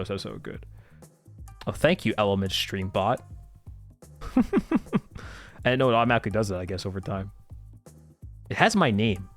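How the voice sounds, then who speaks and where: A man's voice: lowish voice, a bit bright. A man livestreaming casual, enthusiastic commentary as a streamer, swearing freely and often talking through laughter.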